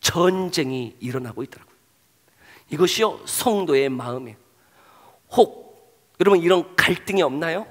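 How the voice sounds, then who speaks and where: High-voiced pastor preaching in a reverberant hall. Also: male voice, animated, normal speed, long pauses. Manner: rhetorical questions to the congregation, swinging from loud to hushed. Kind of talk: sermon. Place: church sanctuary.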